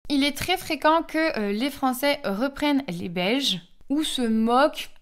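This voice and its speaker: A young Belgian woman with a Belgian French accent teaches French in a casual talk to camera. Her voice sits a little high, and she pauses often on drawn-out fillers between phrases. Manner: frequent hesitant "euh" fillers, lively pitch swings.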